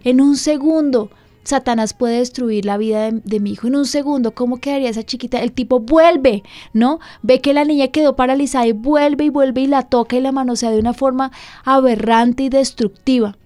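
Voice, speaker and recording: Woman pastor-host, earnest and pleading, slightly high voice. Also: steady tone, a little fast, dark tone.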